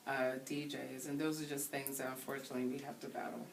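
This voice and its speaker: A woman in her thirties, a DJ from Haiti, talking earnestly in a casual interview and pausing to find her words. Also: very deep voice, flat delivery, vocal fry. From Haiti, raised in the Bronx. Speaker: interview guest. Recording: voice somewhat distant from the mic, faint hiss.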